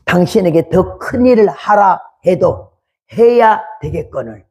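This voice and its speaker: Humble male servants plead with their master, slowly and in a lowered voice, as a woman in her eighties acts them out in a sermon. The voice is husky and gravelly. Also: lively intonation, a little mellow, highs cut off, full character voice. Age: 80s.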